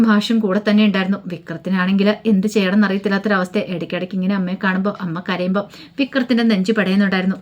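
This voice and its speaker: A woman casually retelling a TV serial episode, chatty, with rhetorical questions and humming fillers between sentences. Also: mid-range voice. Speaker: storyteller recapping a TV serial. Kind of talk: casual spoken story recap.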